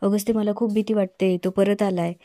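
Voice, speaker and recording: A woman voicing a scheming young female villain from a TV serial, read in her own plain, even voice. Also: mid-range voice, brisk, no room sound, natural voice. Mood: frightened.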